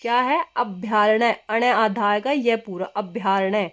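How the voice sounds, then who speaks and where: A young adult woman teaching Hindi spelling for exams. She says each word slowly and keeps asking the class what it is. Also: mid-range voice, steady tone. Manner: repetitive teacher's questions, keeps asking "क्या है?"; drills words slowly, stressing correct spelling. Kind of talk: exam coaching lesson.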